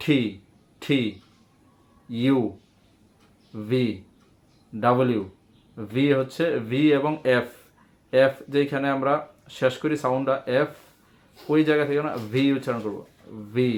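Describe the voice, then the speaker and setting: A man who speaks Bengali natively, teaching English letter sounds by saying each one slowly and repeating it. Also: medium pitch. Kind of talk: lesson.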